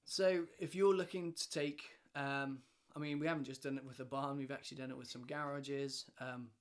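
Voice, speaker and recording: A man's voice: mid-range voice, fairly even intonation, moderate pace. A man in his thirties from the UK, a lighting design company director, chatting casually on camera from a living room with lots of restarts and fillers. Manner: chatty, rambling with many restarts and fillers, gestures a lot. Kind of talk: casual talking-head explainer. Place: home living room with shelves and a stove. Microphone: camera in front, head and shoulders framing.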